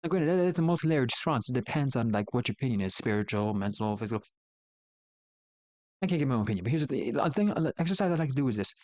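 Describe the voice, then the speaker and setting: A man's voice: medium pitch, expressive, fast talker, darkish tone, no room sound. A man streaming solo, casually thinking aloud in a rambling, opinionated way and often correcting himself mid-sentence. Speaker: VTuber streamer.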